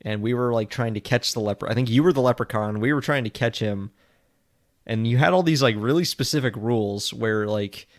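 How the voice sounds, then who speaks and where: A man's voice: medium pitch, fairly quick. A man co-hosting a podcast in casual chat, hesitant, repeating his words and laughing often. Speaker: podcast co-host.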